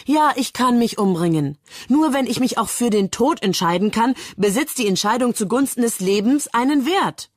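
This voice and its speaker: A woman reading the part of a passionate, defiant young man who argues heatedly in a declamatory way, in a husky voice. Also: a little high, expressive, moderate pace, dry recording, clean studio sound, voice pushed up. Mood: agitated.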